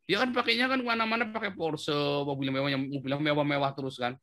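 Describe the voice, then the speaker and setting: A man's voice: on the high side, fast talker, bright, forceful tone. A man in a casual live video call discussion, chatty and laughing often, adding a polite "sir" to most phrases. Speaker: host answering a guest in a live video discussion. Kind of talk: casual chat.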